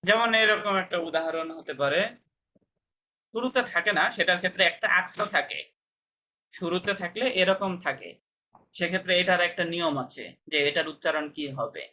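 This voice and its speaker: A man's voice: sits high, normal speed, bright, forceful tone, slight background noise. A man teaching a language class, patiently explaining pronunciation step by step and checking whether students understand.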